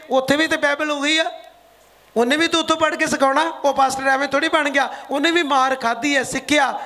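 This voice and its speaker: A male pastor with a Punjabi accent delivers a sermon in a very high, bright voice. He preaches to the congregation and keeps pressing them with rhetorical questions.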